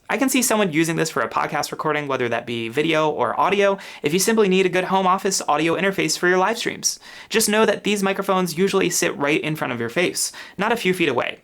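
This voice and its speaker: A man's voice: a little high, creaky, fairly bright tone. A man hosting a gear review, explaining features step by step in a methodical way, speaking close to a podcast microphone at his home office desk. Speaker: gear reviewer and channel host. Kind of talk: product review walkthrough. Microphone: podcast microphone a couple inches from mouth.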